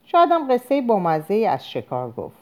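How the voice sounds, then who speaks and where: A woman reading a novel aloud, voicing an easygoing middle-aged husband and father in her own mellow voice. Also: mid-range voice, wildly swooping pitch. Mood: teasing.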